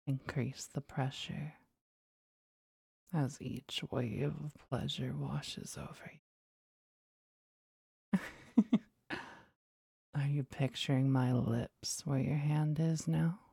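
A woman whispers close and breathy, her low voice husky with gravelly fry. She takes her time over every word in a teasing, commanding way. The sound is intimate and dry. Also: steady tone, slow pace, long pauses, warm tone, no echo. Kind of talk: whispered intimate ASMR roleplay.

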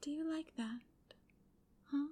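A woman in a whispered ASMR roleplay, giving soft, commanding instructions in an intimate hush. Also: high-pitched, slow. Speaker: roleplay narrator.

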